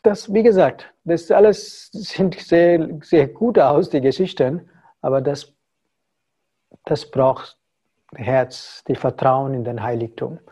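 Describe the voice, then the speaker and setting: A man's voice: a little high, mellow, breathy edge, dull audio. A man from India, a spiritual teacher giving a talk to followers in broken German with English phrases mixed in. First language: not German.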